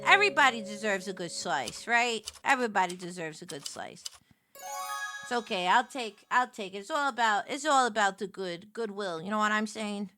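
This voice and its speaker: A woman streaming a game in a chatty, playful 1950s diner waitress persona, calling viewers honey and repeating her phrases. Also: a little high. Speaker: streamer, VTuber host.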